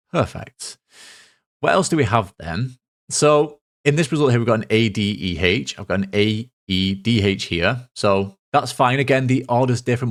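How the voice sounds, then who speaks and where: A man, a maths tutor talking through a worked solution step by step, a little hoarse from losing his voice. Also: fairly low pitch. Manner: methodical, talks through steps aloud.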